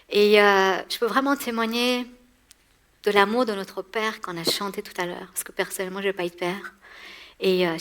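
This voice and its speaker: A woman in her forties from Iran preaches to a women's gathering in a church hall. Her voice is bright and forward, and she talks in an animated way, laughing often and stumbling over repeated words. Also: medium pitch.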